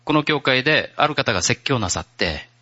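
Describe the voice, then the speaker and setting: A man preaching a sermon as pastor, in a gentle, conversational way. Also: mid-range voice, very animated, moderate pace, muffled recording.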